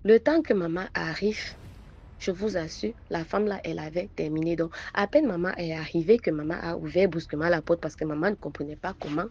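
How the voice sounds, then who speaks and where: A woman's voice: on the low side, fairly quick, darkish tone, breathy edge. A woman telling a first-person story, hesitant with stammering repetitions. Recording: dull lo-fi recording.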